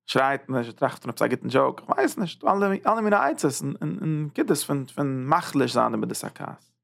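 A man teaching a religious text in an informal lecture, animated, repeating phrases and jumping up in pitch for emphasis. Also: moderate pace, creaky.

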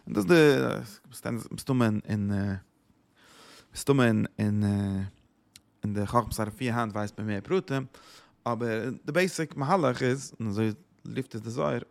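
A man's voice: mid-range voice, moderate pace, gravelly. A man teaching a religious lesson, searching for words, often repeating them and dropping in English phrases. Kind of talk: Torah lecture in Yiddish-inflected German.

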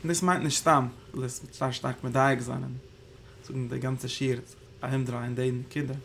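Gravelly-voiced man teaching Torah in Yiddish. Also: medium pitch, little pitch movement, normal speed, a bit bright, slight background noise. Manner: rambling, thinking aloud, Hebrew terms woven in. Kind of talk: Yiddish Torah class on the Zohar.

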